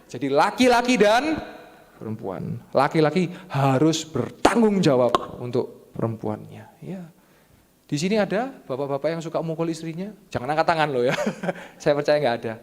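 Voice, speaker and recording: A young man with an East Javanese accent preaching a sermon as pastor, animated and joking, jumping to loud high exclamations. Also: normal speed. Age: young adult. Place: church hall. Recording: long church-hall reverb.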